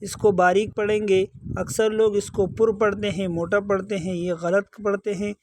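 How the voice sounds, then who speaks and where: A man teaching Quran recitation, explaining pronunciation patiently and repeating words slowly to correct common mistakes. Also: high voice, little pitch movement, no room sound. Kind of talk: tajweed lesson, explaining then chanting verses slowly.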